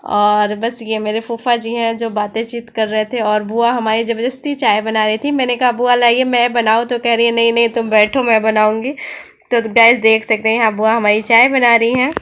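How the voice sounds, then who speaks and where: A chatty woman in her thirties tells her family vlog straight to her viewers. Her voice sits a little high, easy and conversational throughout. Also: level tone, normal speed, fairly bright tone, clean tone. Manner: chatty, addresses viewers as guys. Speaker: vlogger. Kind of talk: casual family vlog narration.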